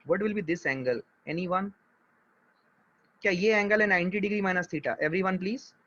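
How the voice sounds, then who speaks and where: A man with a high voice teaches physics, moving step by step and often asking whether his students follow. He talks patiently and reassuringly, switching freely between Hindi and English. The sound is dull and lo-fi. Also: a bit bright. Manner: mixes Hindi and English, checks understanding often. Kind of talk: live online class. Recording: dull lo-fi audio.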